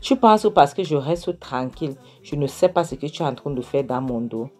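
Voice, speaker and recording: A woman voicing a resentful, jealous husband in a retold film, accusing his wife with questions, in a low dark voice. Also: lively intonation, moderate pace, faint music behind. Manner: accusing, pleading questions with tag "hein?".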